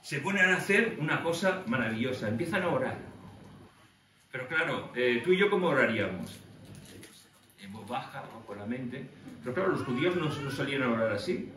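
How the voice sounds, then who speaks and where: A man preaching a lively sermon, telling the story with animated acted-out voices. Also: medium pitch, fairly quick, recorded from a distance. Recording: echoey room from afar with faint noise.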